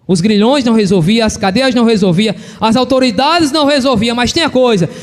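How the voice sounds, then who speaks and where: High-voiced fervent Brazilian preacher. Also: male voice, a little fast. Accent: Brazilian Portuguese. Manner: fervent, rising to shouts, tells stories, laughs often. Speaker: church assistant preaching. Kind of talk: evangelical sermon. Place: church hall. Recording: long church-hall reverb.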